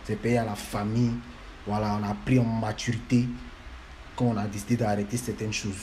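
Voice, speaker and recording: A man's voice: lowish voice, flat delivery, fairly quick, mellow, slight background noise. A man, lecturing and scolding fans in a repetitive, emphatic monologue. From Ivory Coast.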